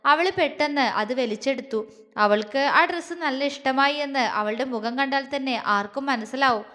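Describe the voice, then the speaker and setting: A woman storyteller with a high, bright-toned voice reads a romance serial with expressive feeling. A long hall reverb trails behind every line. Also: normal speed. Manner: expressive, emotive reading. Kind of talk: scripted audio story narration.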